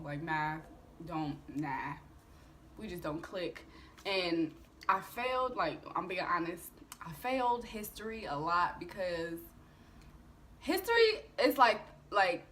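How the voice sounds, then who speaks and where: A young woman in her twenties talks candidly to her camera, swearing casually and laughing now and then. Her voice sits on the low side but sounds bright and forward, and a faint hum runs behind her. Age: 20s. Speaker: vlogger. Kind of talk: casual Q&A vlog.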